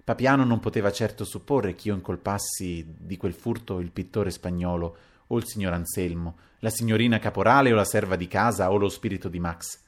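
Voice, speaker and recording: Low-voiced male audiobook narrator. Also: brisk. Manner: expressive, moving between hushed narration and raised acted dialogue. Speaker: audiobook reader.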